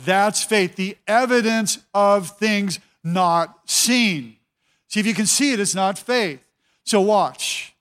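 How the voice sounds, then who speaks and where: His voice is high-pitched and a bit bright, and he takes it slowly. He's a pastor delivering a sermon in a conversational way, repeating himself and often telling his audience to watch.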